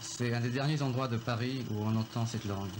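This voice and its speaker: Halting reflective man, noisy film sound. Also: medium pitch, steady tone. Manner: reflective, halting, many pauses with "euh". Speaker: filmmaker recounting his family. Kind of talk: film voice-over interview.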